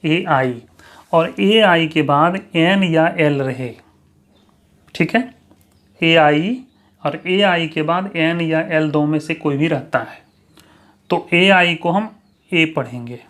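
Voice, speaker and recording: Male teacher, slow and deliberate, spells out each example and repeats it. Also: a little high, a bit bright. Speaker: English pronunciation teacher. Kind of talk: spoken classroom lesson.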